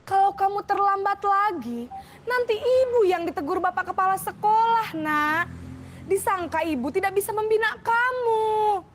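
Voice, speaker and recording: A shrill, nagging schoolteacher, played by a woman in a classroom role-play, scolding a pupil who keeps turning up late. Her voice sits very high and stays exasperated throughout. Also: lively intonation, measured pace, pushed and bright, a little hiss or hum, exaggerated voice. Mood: whiny guilt-tripping.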